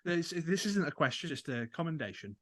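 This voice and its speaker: A man's voice: a little high, big pitch swings, a little fast, dry recording. A man co-hosting a music podcast, chatting with dry, wry humour. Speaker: podcast co-host. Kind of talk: casual interview chat.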